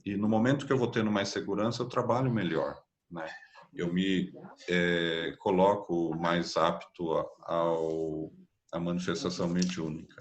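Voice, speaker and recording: Man, Brazilian Portuguese accent, online class teacher, lowish voice, patient explaining, frequent check-ins. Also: fairly even intonation, measured pace. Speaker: spiritist course teacher.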